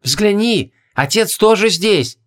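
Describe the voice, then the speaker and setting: A man's voice: high-pitched, animated, slow pace, voice pushed up. Man whispering as accusing dead ghosts. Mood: eerie. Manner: hushed reproachful whisper.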